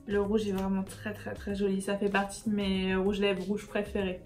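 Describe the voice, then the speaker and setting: A woman's voice: medium pitch, monotone, moderate pace, darkish tone, faint music behind. A woman beauty vlogger chatting casually and upbeat through a makeup haul, with many fillers.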